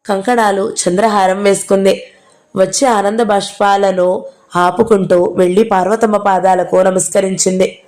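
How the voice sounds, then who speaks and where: A woman's voice: mid-range voice, steady tone, moderate pace, a little mellow. A woman narrating a novel as an audiobook reader, reading all the characters' lines herself.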